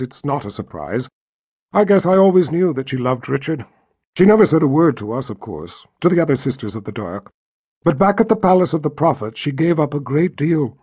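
A man voicing a nervous female sorceress who talks fast and babbles, voice rising higher. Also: mellow, breathy edge, no echo, clean studio sound.

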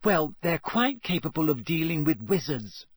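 A man voicing Hermione, a clever, bossy teenage schoolgirl who talks in a crisp, lecturing way in an audiobook reading. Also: a little high, big pitch swings, normal speed, no room sound, voice pushed up. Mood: earnest, lecturing.

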